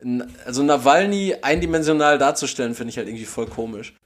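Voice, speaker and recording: A man's voice: mid-range voice, animated, fast. A German man co-hosting a podcast, rambling through casual chat with many fillers and restarts. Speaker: podcast co-host.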